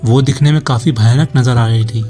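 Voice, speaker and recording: A man telling a scripted horror story in a steady, dramatic storytelling manner. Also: medium pitch, a little fast, faint music behind.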